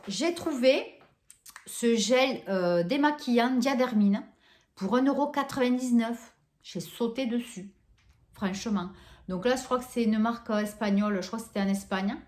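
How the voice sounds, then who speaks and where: A woman's voice: medium pitch, a little mellow. Chatty woman in an echoey room. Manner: chatty, hesitant, many fillers and restarts; gushes over scents. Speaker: vlogger showing a shopping haul. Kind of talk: casual haul vlog chat.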